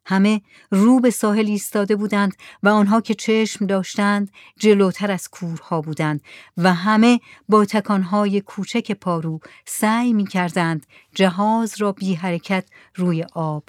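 Woman reading a story out loud, soft and hushed, dry close mic. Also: medium pitch, fairly even intonation, dry recording. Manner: soft, often near a whisper. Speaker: narrator. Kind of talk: reading a literary short story aloud.

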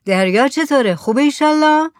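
A woman's voice: sits high, animated, dry recording, clean studio sound, voice pushed up. A woman reading aloud, voicing a chatty, persuasive older village headman in a storybook. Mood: coaxing.

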